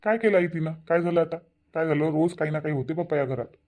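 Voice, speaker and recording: A grown son in a cartoon, voiced by an actor, tries to settle a family quarrel in a mid-pitched voice. He sounds placating and questioning, caught between his mother and his wife. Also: fast talker, lightly acted. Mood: asking. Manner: placating, calming. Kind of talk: cartoon voice acting.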